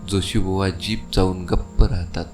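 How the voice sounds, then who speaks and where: A man's voice: sits low, steady tone, moderate pace, music in the background. A man narrating a school textbook play, reading the stage directions.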